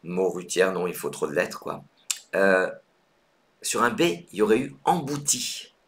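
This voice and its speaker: A man's voice: deep voice, sing-song, fairly bright tone. A man hosting a live online Scrabble lesson, patiently explaining moves and thinking aloud with hesitations. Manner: counts points aloud briskly. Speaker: Scrabble teacher.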